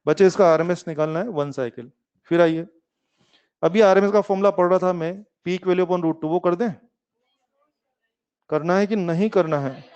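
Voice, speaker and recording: A man leads a physics lesson, coaxing his students along in a playful, teasing way. His voice sits a little high and comes through smooth and clear. The recording sounds a bit muffled. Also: moderate pace, pauses often, a little mellow. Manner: coaxing, talks to students as kids; playful, calls himself lazy. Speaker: physics teacher. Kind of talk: online classroom lecture. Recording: slightly muffled lecture recording.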